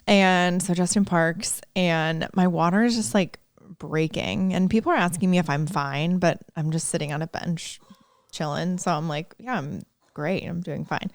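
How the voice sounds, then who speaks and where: A woman's voice: fairly low pitch, fairly even intonation, moderate pace, no echo. A woman, a podcast host telling a story in casual chat, laughing often and acting out quoted lines. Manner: chatty, laughing, fond of quoted asides.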